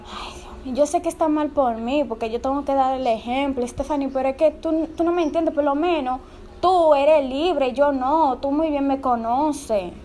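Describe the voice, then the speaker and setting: A young woman, a vlogger making a prank call, speaks casually on the phone while pretending to be nervous and worried, her tone pleading. Her voice is high and mellow at a normal speed, recorded indoors in a bare-walled room with slight background noise.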